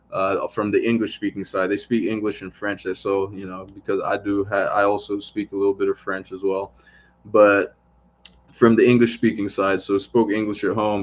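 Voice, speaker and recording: Low, flat-voiced man chatting casually. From Italy. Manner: rambling, frequent "right?" tags. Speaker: online business coach. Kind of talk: casual live-stream chat. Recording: dull lo-fi sound.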